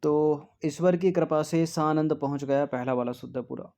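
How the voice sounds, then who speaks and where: A male tutor working through exam spelling questions, slowly repeating each word and checking answers with frequent "ठीक है". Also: fairly high pitch, a little mellow. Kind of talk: test-series answer walkthrough.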